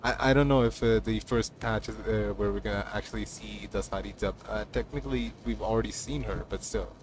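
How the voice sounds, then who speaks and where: A man's voice: fairly low pitch, fairly quick, noisy background. A man streaming and chatting casually about game lore, rambling with lots of fillers and stammered restarts. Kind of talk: casual livestream chat. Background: game music.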